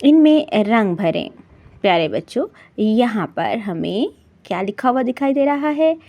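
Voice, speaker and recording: Woman teacher, unhurried, drawing out each letter sound for small kids. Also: a little high, sing-song, warm tone. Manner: slow, drawn-out sounding of letters and words. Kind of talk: children's lesson narration.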